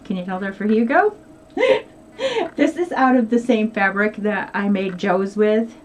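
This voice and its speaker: A woman's voice: mid-range voice, unhurried, distant mic. An older woman talks through her finished crafts in a loose, chatty show-and-tell, often laughing at herself. She sits a little back from the mic, and faint noise hums underneath. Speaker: crafting vlogger. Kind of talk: casual show-and-tell chat.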